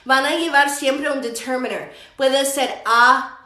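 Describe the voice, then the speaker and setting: A woman with a fairly high voice teaches a grammar lesson in a roomy, echoing space. She drags out each English example slowly for learners to repeat. Her explanations in between come quicker and are broken by light laughs. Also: steady tone, pushed and bright. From United States. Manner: slow, drawn-out English examples repeated for practice.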